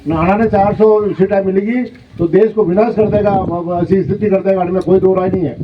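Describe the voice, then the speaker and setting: A man's voice: high-pitched, steady tone, a little fast, distant mic, lo-fi sound, background noise. A man with a Rajasthani accent giving a rambling, rustic campaign speech to villagers as a politician. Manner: rustic, rambling, repeats himself.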